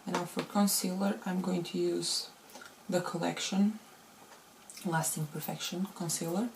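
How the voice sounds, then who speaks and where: A woman's voice: lowish voice, steady tone, measured pace, creaky, noisy background. Woman vlogger with a rusty morning voice. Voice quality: slightly rusty, unused morning voice. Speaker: beauty vlogger. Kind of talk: casual chatty makeup tutorial.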